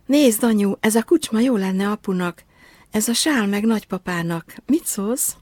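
A woman voicing an excited, kind-hearted little girl in a storybook reading, with eager exclamations. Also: medium pitch, dry recording, close to an everyday voice.

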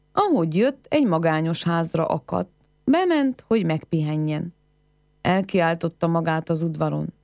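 Woman reading a children's folk tale, lively animated delivery, low-ish gravelly voice, dry close sound. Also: no room sound. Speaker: storyteller.

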